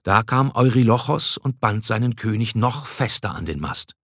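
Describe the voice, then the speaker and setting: A man narrating a scripted storybook in an even, measured way. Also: mid-range voice, dry recording, clean studio sound.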